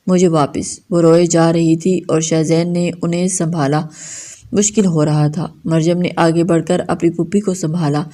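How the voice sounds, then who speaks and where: A woman reads a dramatic novel aloud in a steady, measured narration. Her voice sits on the low side and sounds warm and mellow. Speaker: novel reader.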